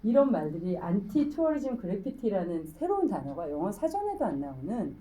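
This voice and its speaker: A woman lectures a room in a chatty, storytelling way, often putting questions to her listeners. Her voice is dark and mellow, and her pitch swings widely. She sounds a little far from the mic, as if it picks up the room. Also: a little fast. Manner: lively, conversational storytelling with rhetorical questions. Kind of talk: public lecture.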